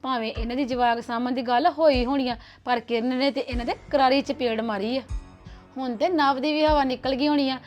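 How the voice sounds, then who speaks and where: A young actress playing a cautious, gossiping elder sister-in-law who talks in a confiding manner. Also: female voice, high-pitched, steady tone, brisk, soft background music, close to an everyday voice. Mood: scheming. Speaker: actor. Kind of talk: web series drama acting.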